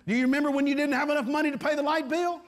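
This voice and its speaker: A man's voice: extremely high pitch, steady tone, very fast. A middle-aged man preaching a sermon to his congregation, repeating his phrases and calling for amens. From Texas. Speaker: pastor. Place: large church stage before a congregation.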